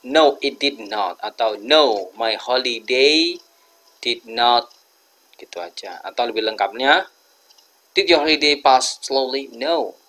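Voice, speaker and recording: A man with an Indonesian accent teaching English grammar, explaining each example slowly and deliberately. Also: mid-range voice, lively intonation, a bit bright. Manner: slow, deliberate, switches between two languages.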